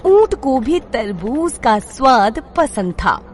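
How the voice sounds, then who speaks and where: Female narrator for a kids' moral tale, slow and expressive, slightly higher voice. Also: slight background noise. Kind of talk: scripted story narration.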